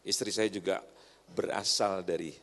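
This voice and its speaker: A man's voice: low voice, fairly even intonation, normal speed, fairly bright tone. Male preacher, comic sermon style, engages the congregation, recorded in a church hall with a long echo tail. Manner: joking, often asks the crowd to agree.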